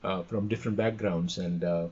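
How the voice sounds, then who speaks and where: An audio and radio trainer appears as a podcast guest, talking with enthusiasm, repeating his phrases and telling anecdotes. His deep voice is darkish, fairly even in intonation and at a normal speed. The call audio is dull and lo-fi, with slight background noise.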